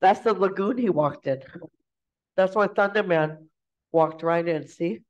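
A woman's voice: fairly low pitch, a little slow, a little mellow. Chatty woman telling family stories. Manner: chatty and informal, laughs often. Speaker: storyteller and guest speaker. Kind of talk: casual storytelling presentation. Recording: dull lo-fi recording.

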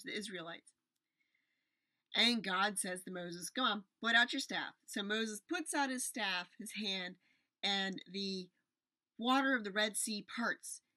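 A woman's voice: mid-range voice, bright, forceful tone, no echo. A woman in her forties telling a Bible story to children on a webcam from a small room at home, gesturing as she talks. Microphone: webcam at desk distance.

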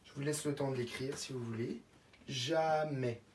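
A woman teacher dictates simple words to young children in a low voice, spelling each one slowly letter by letter. She sits back from the microphone in a room with an echo. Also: steady tone, dark tone, slight background noise. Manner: slow, spells words letter by letter and repeats them. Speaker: first-grade teacher. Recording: echoey room, voice from a distance.

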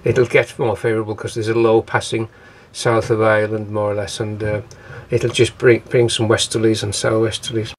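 With a fairly low pitch, a level tone and a moderate pace, this man barely pauses while narrating a casual, rambling video diary riddled with ums and uhs. He is sailing alone, filming on a handheld camera at sea and in harbour, with wind and water noise all around.

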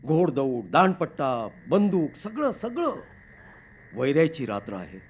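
Brief: fervent young rebel husband, radio drama, lively rising and falling delivery. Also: male voice, a little high, a little slow, slight background noise. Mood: resolute. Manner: intense, declamatory, swings from hushed to fervent. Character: fiery young revolutionary husband burning for revenge.

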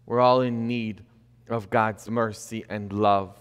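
Slow and fairly even in intonation, a middle-aged priest's lowish, clear, resonant voice fills the church sanctuary as he preaches from the pulpit, building emphasis and asking rhetorical questions. A fixed camera at a distance picks him up, and a long church-hall reverb trails his words.

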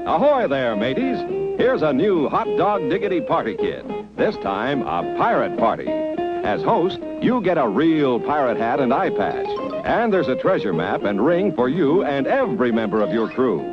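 A male commercial announcer in an old 1950s TV broadcast, with a bouncy, salesy pitchman delivery. His voice leaps all over the place. It sounds muffled and lo-fi, with a bed of music underneath. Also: big pitch swings, normal speed. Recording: dull lo-fi old TV audio with music.

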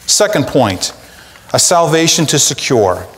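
A middle-aged male pastor preaching a sermon, swinging from emphatic peaks down to hushed asides. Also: fairly high pitch, very animated, a little slow, a little hiss or hum. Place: church sanctuary. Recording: long reverb of a large hall.

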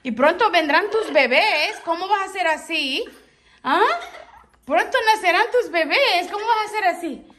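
A woman's voice: very high voice, lively intonation, moderate pace, fairly bright tone, a little hiss or hum. A woman chatting in doting, sing-song baby talk to her pet parrots at home, often laughing. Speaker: parrot owner and vlogger.

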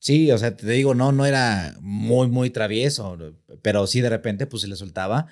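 A man's voice: mid-range voice, moderate pace. A young man with a Mexican accent, co-hosting a casual podcast and telling a story with acted-out quotes. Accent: Mexican Spanish. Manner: animated, acts out quoted voices and shrieks. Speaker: podcast co-host.

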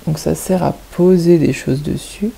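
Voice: mid-range voice, unhurried, vocal fry, dark tone, husky, low-quality recording. A kindergarten teacher with a French accent, patiently explaining a lesson to young children and asking them questions step by step.

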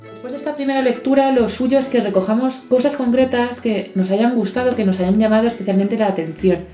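Woman explaining poems, chatty and playful, mellow voice, echoey room with soft guitar behind. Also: fairly high pitch, brisk. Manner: lively, chatty, playful asides. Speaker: literature teacher. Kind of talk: poetry lesson with a reading.

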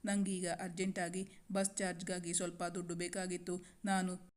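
Woman doing a worried young girl asking for help, low flat voice, storybook. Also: moderate pace, lightly acted. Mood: pleading. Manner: hesitant, pleading. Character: anxious young woman in trouble. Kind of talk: storybook dialogue reading.

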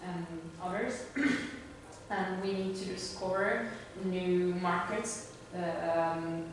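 Halting young woman, flat low voice. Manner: hesitant, halting with fillers. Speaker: student. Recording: echoey room from a distant mic with faint noise.

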